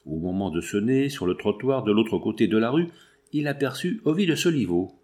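A man narrating a novel as an audiobook in a steady, measured reading. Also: on the low side. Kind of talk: scripted narration.

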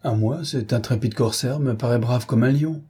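A man's voice: mid-range voice, normal speed, dark tone, husky. A man voicing an anxious, motherly governess who speaks in a raised, exclamatory voice in a read-aloud novel. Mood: chatty. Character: anxious older woman governess, fussy and motherly.

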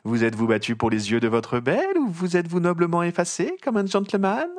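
Man playing a shrill, sly gossip reporter woman, slow sing-song taunts, dry close sound. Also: very animated, dry recording. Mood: mocking. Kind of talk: audiobook reading.

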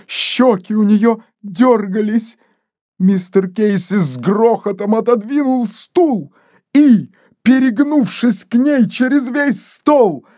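Woman narrator, audiobook; slow, even, dry close read. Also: a little high, no room sound. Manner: measured, unhurried reading. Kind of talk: scripted narration.

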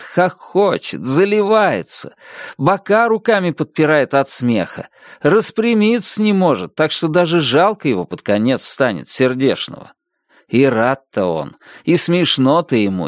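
A man narrating a classic novel as an audiobook, in an expressive storytelling manner. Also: medium pitch, no echo, studio quality. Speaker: audiobook reader.

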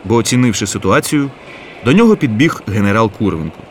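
A man narrating an audiobook in an expressive, lively reading. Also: on the low side, brisk, slight background noise. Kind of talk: scripted narration.

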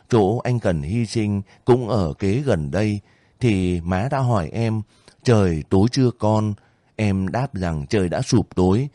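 A man reading the lines of a gentle, earnest young female volunteer in his own low voice. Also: no room sound.

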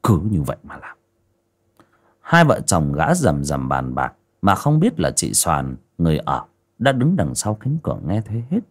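A man giving slow, dramatic scripted narration of a dark folk story. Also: low-pitched, wildly swooping pitch.

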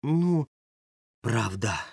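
A man's voice: medium pitch, big pitch swings, drawn-out words, darkish tone, husky, no echo, studio quality, exaggerated voice. A man voicing a timid young boy who stammers when caught off guard, in an audiobook. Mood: flustered. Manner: stammering, flustered. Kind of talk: audiobook character voice.

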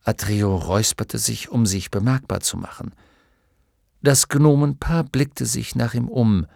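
A man narrating an audiobook in a measured storytelling manner, recorded on a studio microphone. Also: mid-range voice, creaky, darkish tone, no room sound. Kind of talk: scripted narration.

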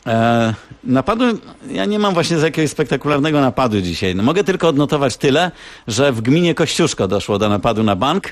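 A man's voice: medium pitch, sing-song, fairly quick, no room sound. A man reporting as a radio correspondent, explaining things at length with hesitant fillers and restarts. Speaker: radio correspondent in the United States. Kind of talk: phone-in radio chat.

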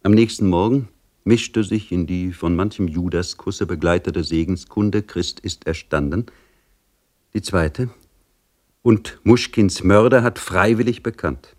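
A man with a very deep voice reads a literary story aloud. His delivery is measured and dramatic, with a calm, steady storyteller's pace. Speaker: audiobook reader. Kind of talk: literary audiobook reading.

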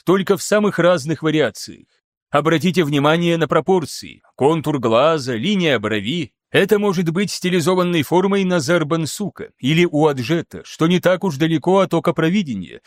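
A man voicing an excitable, theatrical male scholar who lectures insistently in an audiobook. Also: fairly high pitch, normal speed, no echo, studio quality, close to an everyday voice. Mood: lecturing excitedly. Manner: animated, insistent, showy.

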